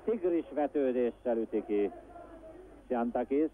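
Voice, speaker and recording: A man giving excitable, exclamatory live football commentary, openly rooting for his side. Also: mid-range voice. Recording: tinny phone-like archive broadcast, noisy.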